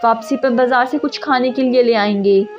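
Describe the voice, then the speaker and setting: A woman reading a soft-spoken young wife. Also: on the high side, normal speed, lightly acted. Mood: pleading. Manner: soft and pleading. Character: young wife in love, later heartbroken. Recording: dull lo-fi audio with music.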